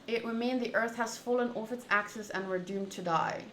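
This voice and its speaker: Playing through a visual novel, this woman streamer talks to her audience in a loose, animated way, voicing strong opinions and drifting off course. Her pitch sits on the high side and she speaks fairly quickly, frequently reworking a thought halfway through. There's an echo to the room and a little noise in the background.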